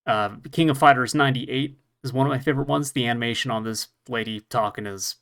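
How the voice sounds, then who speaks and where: Man, podcast co-host, casual gameplay chat, self-deprecating, laughs a lot, mid-pitched voice. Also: quick pace, fairly bright tone. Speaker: podcast co-host playing retro games.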